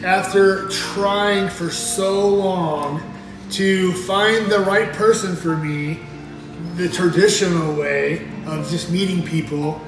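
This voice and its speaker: A man's voice: sits high, slow. A man in his forties answering fan questions on his vlog in a playful, joking way while seated at a table indoors. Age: 40s. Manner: jokey, playful, expressive hand gestures. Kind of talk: casual Q&A chat. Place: small indoor room at a table. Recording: echoey room, distant mic, music behind.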